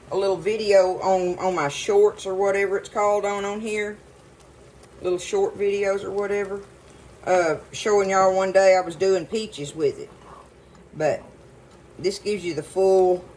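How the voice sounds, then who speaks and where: A woman's voice: mid-range voice, fairly even intonation, a little slow, long pauses, a little mellow, slight background noise, poor audio. A woman hosting a casual cooking video in her home kitchen, chatting folksily and rambling into stories as she cooks. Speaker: cooking show host.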